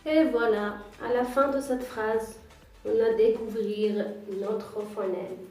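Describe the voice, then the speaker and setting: A woman teacher with a fairly high voice leads a slow, patient reading lesson for small children, sounding out each syllable and repeating it. She sounds far from the microphone in a very echoey room, with faint music behind her. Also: steady tone, warm tone. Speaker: kindergarten teacher.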